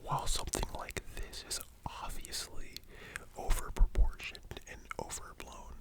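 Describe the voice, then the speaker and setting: Whispered role-play, hushed library whisper asmr, explaining stuff like a lesson, breathy and unvoiced all through. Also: unhurried. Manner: explanatory, checking the listener understands. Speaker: ASMR content creator.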